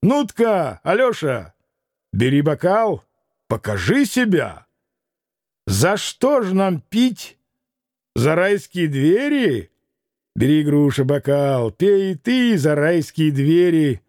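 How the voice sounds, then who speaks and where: A man's voice: on the high side, big pitch swings, slow, darkish tone, no room sound, studio quality. A man reading an audiobook and voicing a spiteful young man who teases and sneers. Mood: mocking. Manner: teasing, sneering.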